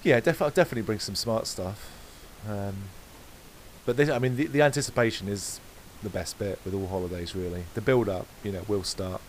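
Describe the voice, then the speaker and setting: Low-voiced man chatting casually, faint hiss. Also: normal speed, rough recording. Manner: rambling, self-correcting, relaxed. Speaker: podcast co-host. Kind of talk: casual chat.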